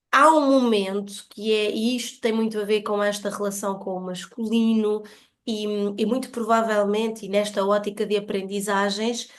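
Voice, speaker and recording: As a podcast guest, a woman with a European Portuguese accent talks about her personal experiences. Her medium-pitched voice sounds earnest, emphatic and reflective.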